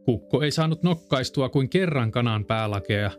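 A man reading a fairy tale aloud in a calm, measured storytelling manner. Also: medium pitch, faint music behind.

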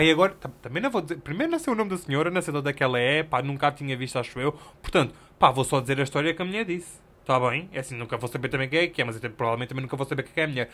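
Animated slangy Portuguese podcaster man. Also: on the high side. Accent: European Portuguese. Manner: animated, swearing, slangy, self-mocking. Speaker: podcast host. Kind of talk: casual solo storytelling.

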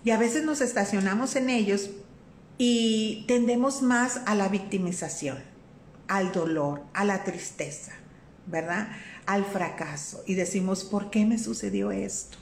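A Mexican woman hosts a faith-based live stream, talking casually about faith and life with her viewers in a warm, conversational tone, greeting people by name and checking in with them often. Her medium-pitched, unhurried voice bounces around a roomy space over faint room noise.

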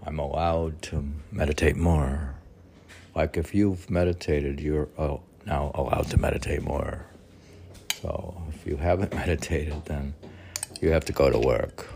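Rumbling low, gravelly and mellow, an unhurried man with a New York accent reads his poems and rambles between them. He keeps answering himself with many fillers, and a little hiss or hum sits in the recording.

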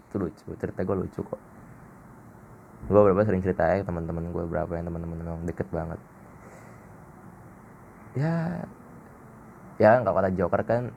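A man's voice: low-pitched, creaky, darkish tone, highs cut off, a little hiss or hum. A man hosting a casual solo podcast, blunt, slangy and self-mocking. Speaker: podcast host.

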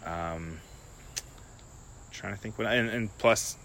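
A man talking in a relaxed, rambling way in a casual podcast chat, swearing now and then. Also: on the low side, slow pace, gravelly, a little hiss or hum.

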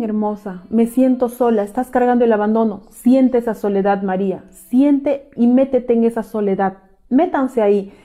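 Intense woman coach with mellow voice. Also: on the high side. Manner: intense, questioning, repeats urging phrases. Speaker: live-stream emotional coach. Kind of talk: live-streamed talk reading viewer comments.

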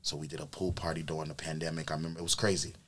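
An extremely low, slightly rough voice races along as a New York–raised event planner tells his story on a podcast. The tone is casual and relaxed, packed with fillers like um and like.

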